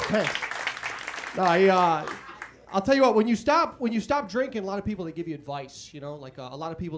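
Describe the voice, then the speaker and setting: A young man from Chicago, with a high voice and a Chicago accent, does a stand-up set on a comedy club stage, a slight hiss or hum in the recording. He chats loosely, landing crude punchlines and shouting loud acted-out quotes, while the live audience is heard laughing.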